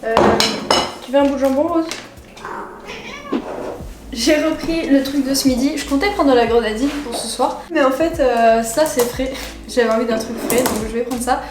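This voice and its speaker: A woman's voice: high voice, normal speed, background noise. Chatty young woman in an echoey kitchen. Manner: chatty, giggly, talking to viewers. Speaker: vlogger. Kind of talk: casual food challenge vlog. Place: home kitchen. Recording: echoey room with music behind.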